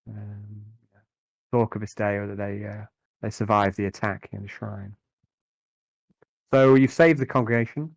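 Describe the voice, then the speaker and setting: A man narrating a tabletop game as game master, improvising in a conversational, halting way and often repeating words. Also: lowish voice, fairly even intonation, gravelly, dry recording, low-quality recording.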